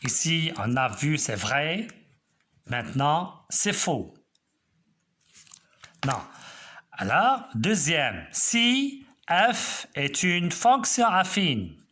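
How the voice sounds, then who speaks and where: A man teaching a math lesson, explaining slowly step by step and checking that students follow. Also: on the high side, big pitch swings, sharp tone.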